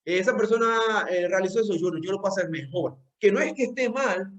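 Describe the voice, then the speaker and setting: A man's voice: high-pitched, a little fast, lo-fi sound. A young man preaching a sermon, earnest and direct, often repeating words as he searches for the phrasing. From Venezuela. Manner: speaks directly to listeners as "usted".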